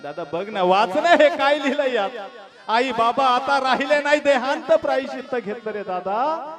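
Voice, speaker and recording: A man's voice: extremely high pitch, expressive, moderate pace, a crowd in the background, pitched above the performer's own voice. A man voicing a grieving young boy who cries out to God and to his elder brother. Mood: anguished. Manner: anguished, crying appeal.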